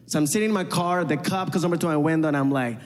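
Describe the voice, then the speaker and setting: A man's voice: fairly high pitch, racing, big-room sound. A man from Venezuela with a Venezuelan Spanish accent, doing a chatty, self-mocking stand-up set and talking with the crowd. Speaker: stand-up comedian. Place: comedy club stage.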